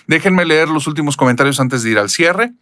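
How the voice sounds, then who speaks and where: A man from Nuevo León with a Monterrey accent, typical of northern Mexico, hosts a channel and reads viewer comments in a brisk, expressive, chatty way with lively pitch jumps. The sound is clean studio audio with no echo.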